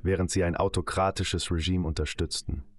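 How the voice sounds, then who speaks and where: A man with a very deep voice reads a dubbed interview answer in German. His delivery is measured and explanatory, steady from phrase to phrase. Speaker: interview guest.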